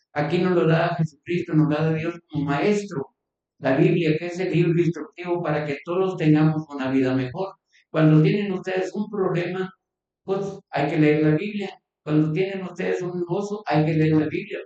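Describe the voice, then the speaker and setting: A man's voice: a little high, warm tone. A man preaching a sermon in a loose, conversational way, often restarting words. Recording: distant echoey church recording, dull sound.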